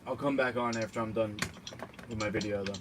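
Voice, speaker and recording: Halting man livestreaming over background noise. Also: lowish voice, steady tone. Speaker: health coach and streamer. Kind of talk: casual livestream monologue.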